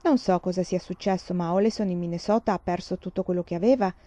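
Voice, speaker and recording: A woman's voice: fairly low pitch, fast talker, mellow, no echo, natural voice. A woman voicing a good-humoured, easygoing pioneer father. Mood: amused. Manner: easygoing, amused. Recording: slightly dull, dry recording.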